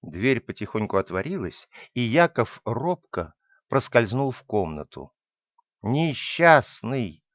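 A man narrating a story in an expressive, measured way. His voice rises and falls freely across a middle pitch. The recording is dry and a bit muffled. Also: no room sound. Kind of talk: storybook reading.

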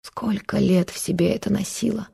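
A woman voicing an elderly aunt who speaks in a hushed, slow, rasping way, read in an audiobook. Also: lowish voice, exaggerated voice. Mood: hushed pity. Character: old aunt, bitter and hissing.

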